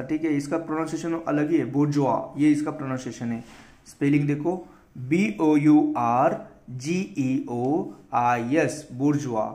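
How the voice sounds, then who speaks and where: A man's voice: on the high side, darkish tone, echoey room. An Indian man teaching English vocabulary in a casual spoken lesson, spelling words out letter by letter and explaining them in Hindi. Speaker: vocabulary teacher for exam prep.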